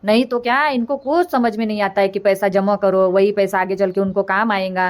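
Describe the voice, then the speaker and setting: A woman's voice: mid-range voice, fairly even intonation, brisk, close to an everyday voice. A woman voicing a nagging older village mother-in-law in a comic cartoon, rambling and scolding as she complains. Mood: complaining.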